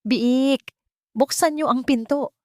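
A woman voicing a hungry, cunning wolf who shouts demands at little pigs in a storybook tale. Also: high-pitched, slow pace, no room sound, studio quality, voice pushed up. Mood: menacing.

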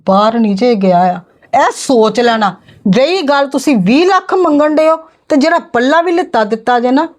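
A woman with a Punjabi accent playing a stern middle-aged aunt who scolds and threatens her niece's in-laws in a family drama. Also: high voice. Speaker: bride's maternal aunt confronting in-laws. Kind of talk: amateur family drama acting.

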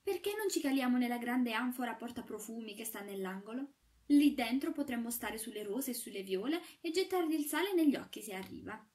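A devoted young chimney sweep made of porcelain, from a storybook, as a woman reads him, earnest and encouraging. The voice is lightly raised, mellow in tone, and a little distant from the mic. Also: on the high side, animated, a little fast, roomy sound, lightly acted.

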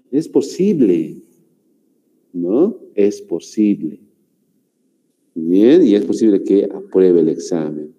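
A man from Bolivia teaching a grammar class, speaking slowly and repeating himself, forever checking in with "¿no?" and "muy bien". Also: lowish voice, mellow, low-quality recording. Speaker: language teacher.

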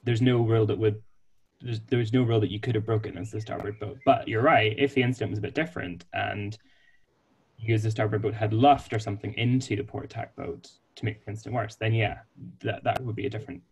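A man presenting on a video call panel, explaining sailing rules patiently and clearly. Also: lowish voice, fairly even intonation, quick pace, a little mellow. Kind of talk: online panel discussion.

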